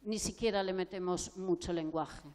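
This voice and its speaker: A woman's voice: lowish voice, steady tone, moderate pace, darkish tone. A woman clinical psychologist from gives a conference lecture, explaining points and asking the audience rhetorical questions. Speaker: clinical psychologist giving a talk.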